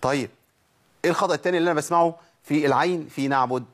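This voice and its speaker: A man with an Egyptian Arabic accent teaching Quran recitation, explaining letter sounds step by step and demonstrating them slowly. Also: a little high. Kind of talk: tajweed lesson.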